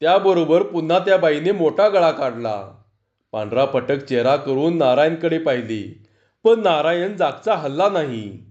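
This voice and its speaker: A male storyteller narrates a humorous tale with expressive, steady delivery. His voice sits a little above the usual pitch. The recording is dull and lo-fi. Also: a little slow. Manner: expressive narration with acted dialogue. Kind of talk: Marathi story reading.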